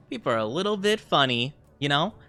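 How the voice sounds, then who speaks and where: A VTuber streamer chats casually with viewers on a live stream in a high, slightly bright voice. He is playful and mock-offended, laughs often, and his voice is wearing thin as he loses it.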